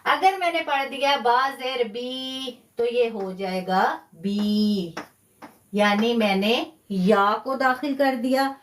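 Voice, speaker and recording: High-voiced woman teaching tajweed. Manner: patient, explains step by step and drawn-out demonstration syllables; frequent praise to students. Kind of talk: live online lesson.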